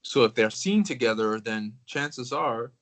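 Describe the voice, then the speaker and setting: A man chatting casually as a crystal collector, with a mid-range voice. He rambles in a relaxed way, trailing off and circling back with plenty of ums. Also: mid-range voice, measured pace, rough recording. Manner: relaxed, rambling, with filler words. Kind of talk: casual conversation.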